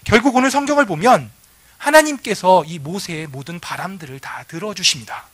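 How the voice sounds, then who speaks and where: Male pastor, bright and lively delivery, relaxed storytelling sermon. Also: high-pitched, no room sound. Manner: conversational storytelling preaching.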